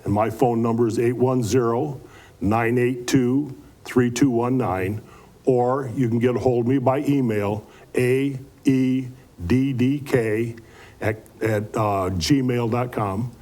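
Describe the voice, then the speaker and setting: A man's voice: mid-range voice, steady tone, slow, mellow. A man answering interview questions as a club event organizer, explaining things in a folksy, earnest way with repeated words.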